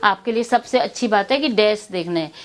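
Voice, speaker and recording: A woman's voice: medium pitch, brisk. A woman teaching a Hindi grammar lesson to students, repeating terms and asking herself questions before she answers them.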